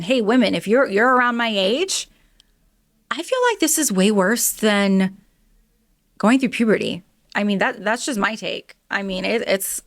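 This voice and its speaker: A woman's voice: mid-range voice, creaky, fairly bright tone, no echo, studio quality. A woman in her early forties hosting a solo podcast, reading news items aloud and reacting to them in a candid, chatty way. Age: 40s. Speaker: host.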